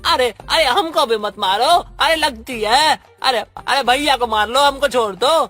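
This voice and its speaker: Brief: man as a high, bright, whiny cartoon henchman, soft music under. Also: unhurried, exaggerated voice. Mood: whining. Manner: whiny and rustic. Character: dim-witted male goon sidekick, complaining. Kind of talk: cartoon voice acting.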